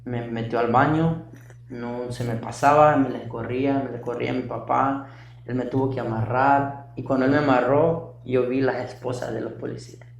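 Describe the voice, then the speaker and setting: A man's voice: medium pitch, steady tone, moderate pace, vocal fry, a little hiss or hum. A young man giving an earnest personal testimony, recounting events vividly with repetition. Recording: distant echoey room mic.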